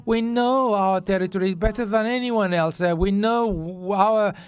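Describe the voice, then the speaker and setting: A man's voice: high-pitched, normal speed. A man giving live interpretation of a speech, hesitant and full of fillers and restarts. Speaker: simultaneous interpreter.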